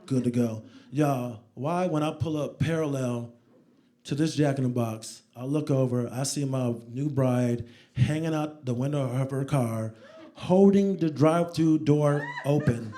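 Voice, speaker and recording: A man in his forties doing stand-up comedy on a club stage, telling stories loudly and acting them out. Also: mid-range voice, unhurried. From United States. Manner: animated, loud, acts out scenes.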